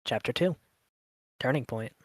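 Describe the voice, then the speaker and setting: A man's voice: mid-range voice, no echo, natural voice. A man narrating as a solemn cosmic observer. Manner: slow, solemn, measured. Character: mysterious, otherworldly cosmic observer. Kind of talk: dramatic prologue narration.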